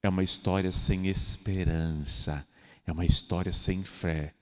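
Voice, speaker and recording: A man, a parish priest from Brazil, giving a homily with lively, joking delivery and little acted-out voices of everyday people. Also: low voice, unhurried, long reverb tail.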